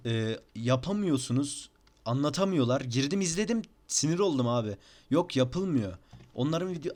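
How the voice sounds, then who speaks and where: Chatty Turkish man with a higher voice. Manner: chatty, repeats "bakın" and "abi", slightly exasperated. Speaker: gaming tutorial youtuber. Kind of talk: casual screen-recorded tutorial. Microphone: desk microphone.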